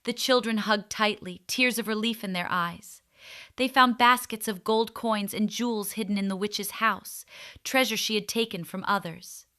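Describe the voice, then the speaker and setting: Pitched at a medium level, a woman's voice carries a scripted children's fairy tale with expressive, unhurried care.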